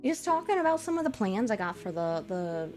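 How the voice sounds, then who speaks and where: Sing-song and a little fast, with a slightly mellow quality, a woman in her twenties chats casually on her VTuber stream against soft music. The light, feminine voice is put on over her low natural one, and she rambles with fillers and giggles.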